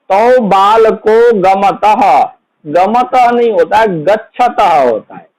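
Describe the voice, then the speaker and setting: A man's voice: high-pitched, a little mellow, rough recording. A man teaching a children's worksheet lesson, explaining each answer and then asking it back as a question.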